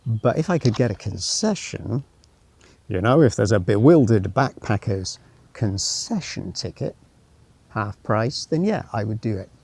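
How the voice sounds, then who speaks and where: Walking outdoors through a former military town, this travel vlogger gives unscripted commentary, musing with wry asides and now and then reading signs aloud. His voice is fairly low, sing-song, darkish and slightly rough, at a measured pace, with no echo.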